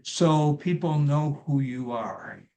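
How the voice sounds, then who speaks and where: A man hosts a relaxed interview over a video call. He talks slowly and in a halting way, restarting his sentences and filling pauses with "uh" and "um". His voice sits a little high for a man. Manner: halting, many fillers and restarts. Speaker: interview host.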